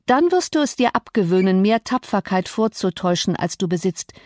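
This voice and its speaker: A woman's voice: medium pitch, animated, a little fast, a little mellow, no echo, clean studio sound, close to an everyday voice. A woman voicing a proud, volatile young woman who speaks in a cutting, imperious way in an audiobook. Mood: scornful. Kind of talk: audiobook character reading.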